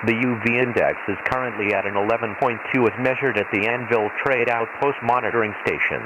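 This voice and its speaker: Playing a detached imperial announcer on a desert world, a man delivers a formal weather hazard warning in the style of automated emergency radio. His medium-pitched voice stays fairly even in intonation, filtered to sound like a hissy, noisy shortwave broadcast.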